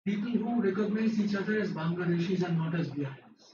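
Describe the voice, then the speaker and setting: During an academic seminar discussion, a male speaker presenting a paper gives pointed replies in a high voice, talking fast. The lo-fi hall recording sounds roomy and distant, with noise throughout.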